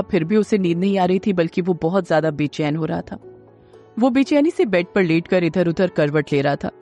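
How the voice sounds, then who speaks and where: Woman narrating a romance audio story. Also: fairly low pitch. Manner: steady, dramatic storytelling. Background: faint music.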